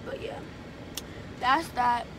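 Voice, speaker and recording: A young woman vlogging from inside a car on a phone held at arm's length, talking casually in slangy, profane speech and getting loudly worked up. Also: slow. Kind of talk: casual vlog chat. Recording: phone recording with loud car and street noise.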